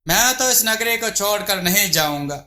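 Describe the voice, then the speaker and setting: A man's voice: sits high, lively intonation, normal speed, sharp tone, exaggerated voice. A man voicing a greedy, stubborn young disciple who talks in a cheeky, defiant way, in an echoey room.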